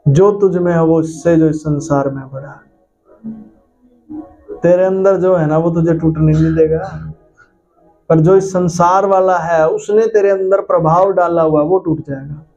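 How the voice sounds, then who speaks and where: Male pastor from India, emphatic repetitive preaching, slightly high dark voice, muffled lo-fi recording. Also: fairly even intonation, unhurried. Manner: emphatic, repetitive, addresses listeners directly with rhetorical questions. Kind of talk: Hindi sermon. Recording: dull lo-fi sound with faint music.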